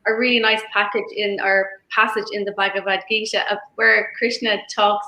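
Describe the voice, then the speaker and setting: Bright-voiced woman in echoey room. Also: medium pitch, level tone, moderate pace. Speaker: yoga teacher, interview guest. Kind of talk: reflective conversational interview. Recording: roomy, echoey sound.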